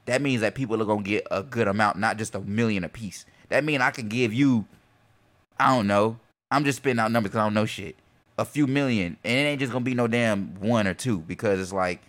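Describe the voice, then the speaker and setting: Co-hosting a casual podcast, a young man from North Carolina chats in relaxed slang, turning loud and laughing whenever he gets excited. His voice runs on the low side and moves fairly quickly.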